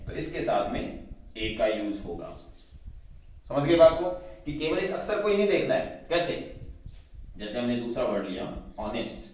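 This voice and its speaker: A male teacher giving a grammar lesson, explaining patiently and checking in often with his class. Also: medium pitch. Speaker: English teacher. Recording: very echoey room, mic at a distance.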